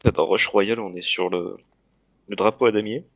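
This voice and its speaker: Raspy low guy tossing in quick replies, dull dry sound, off mic. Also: steady tone, a bit bright, dry recording. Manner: brief offhand replies from across the room.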